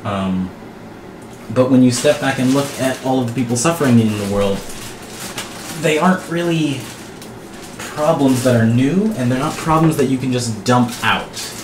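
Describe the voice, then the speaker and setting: A man's voice: medium pitch, moderate pace. Reflective man vlogging in an echoey bathroom. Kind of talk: earnest monologue to camera. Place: small bathroom, indoors. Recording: echoey bathroom with clear background noise.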